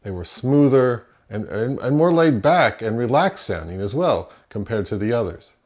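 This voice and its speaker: A middle-aged audio gear channel host, somewhere between his fifties and early sixties, reviews a product in a casual, to-camera style. His mid-range voice is animated and a little mellow, moving at normal speed.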